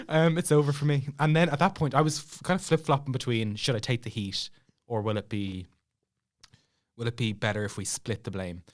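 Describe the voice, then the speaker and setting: At normal speed and in a mid-range voice, a young Irishman shares a personal anecdote as a guest on a podcast. It's a lively, casual retelling where he voices the dialogue himself and laughs in little asides.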